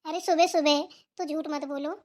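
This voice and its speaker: A woman's voice: sits high, fairly even intonation, normal speed, lightly acted. Whiny lazy young daughter-in-law, voiced by a woman. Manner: whiny, defiant. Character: lazy spoiled young daughter-in-law who refuses to get up.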